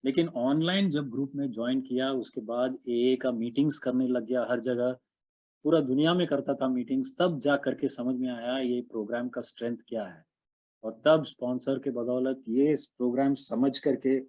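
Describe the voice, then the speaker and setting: A man from India giving a halting, earnest personal testimony at an online support meeting, with many pauses and fillers. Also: mid-range voice, dark tone. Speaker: recovering alcoholic sharing at a meeting. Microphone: online call microphone.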